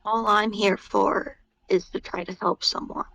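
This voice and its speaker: Creaky-voiced woman playing a tabletop game. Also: medium pitch, fairly even intonation, measured pace, fairly bright tone, no echo, low-quality recording. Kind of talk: in-game roleplay and table talk.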